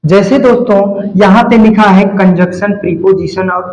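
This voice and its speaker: A male teacher with a high-sitting, darkish voice gives a classroom-style grammar lesson at normal speed, explaining step by step, repeating key words and spelling them letter by letter. The recording is in an echoey room, and its highs are cut off.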